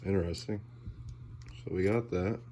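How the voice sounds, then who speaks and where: A man giving casual, laid-back commentary as he opens card packs, halting and trailing off, with audible heavy breathing. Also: low voice, fairly even intonation, dark tone, slight background noise. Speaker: host of a sports card pack-opening video.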